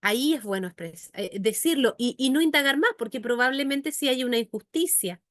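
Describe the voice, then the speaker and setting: High-voiced woman teaching earnestly. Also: expressive, normal speed, a bit bright, no echo, studio quality. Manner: earnest, addresses listeners directly with rhetorical questions. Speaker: psychologist and educator. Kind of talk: faith-based teaching talk.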